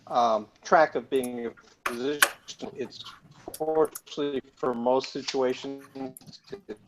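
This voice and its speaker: A man, a physician on a panel, answers questions over a remote call. His connection keeps breaking up, so his words cut in and out in halting fragments. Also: mid-range voice, poor audio. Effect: connection breaking up, audio cutting in and out. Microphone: remote call microphone. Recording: choppy, dropping-out remote call audio with faint noise.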